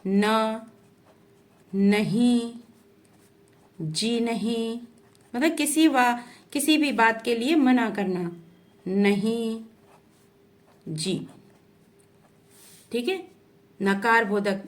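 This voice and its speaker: A woman with a slightly high voice gives a grammar lesson at a slow, careful pace. She repeats each definition and keeps checking that students follow. Writing can be heard faintly behind her. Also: expressive. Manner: slow and deliberate, repeats definitions, often adds "ठीक है". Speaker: Hindi grammar teacher. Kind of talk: explanatory lesson.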